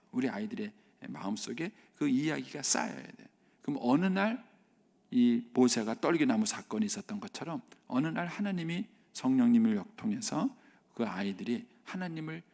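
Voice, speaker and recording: A male pastor preaching at a dawn church service, animated and acting out the voices he quotes, now and then dropping to a near whisper. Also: medium pitch, creaky. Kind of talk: sermon at a dawn worship service. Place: church sanctuary.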